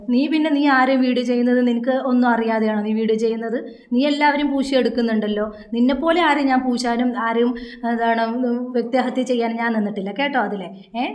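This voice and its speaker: A woman vlogger giving a direct-to-camera rebuttal into a phone, scolding a rival and firing off rhetorical questions. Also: on the high side. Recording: echoey room.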